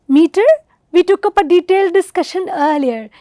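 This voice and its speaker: A middle-aged woman with an Indian English accent giving a university lecture on poetry, slow and emphatic, reading lines of verse with dramatic stress. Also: very high voice, dark tone, dry recording, studio quality.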